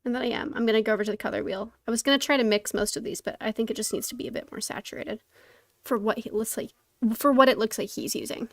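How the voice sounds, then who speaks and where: A woman's voice: a little high, fairly even intonation, quick pace, dry recording, studio quality. A woman chatting casually on an art live stream, thinking aloud in a mildly flustered, self-deprecating way. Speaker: streamer painting along to a tutorial.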